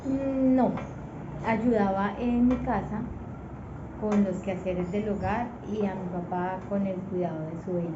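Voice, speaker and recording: A woman, calmly explaining childhood games. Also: medium pitch, a little slow. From Bogotá, Colombia. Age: 40s. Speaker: interviewee, mother. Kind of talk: casual interview answers. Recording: echoey room, muffled, noisy.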